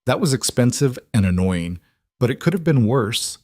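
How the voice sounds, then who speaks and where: A man voicing a calm, dry-witted crime boss who talks in a measured, wry way. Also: mid-range voice, no room sound.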